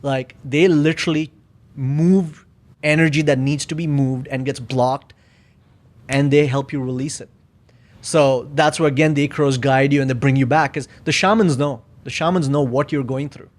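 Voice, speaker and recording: A man's voice: mid-range voice, fairly even intonation, normal speed. A man talking as a podcast guest in casual conversation, reflective and searching for his words with frequent fillers.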